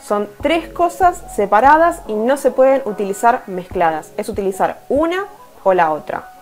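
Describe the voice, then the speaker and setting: A woman with a Rioplatense Spanish accent teaches English online, explaining step by step by reading each English sentence and then translating it. Her voice is a little high with big pitch swings at normal speed, over soft background music.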